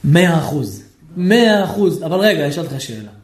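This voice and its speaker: A high-pitched man teaches a rabbi's lesson with animated energy. He keeps putting questions to his listeners. The voice rings in an echoey room. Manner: animated, asks the audience questions, acts out shouting people. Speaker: rabbi giving a Torah lesson. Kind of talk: lively sermon-style lesson with questions to listeners.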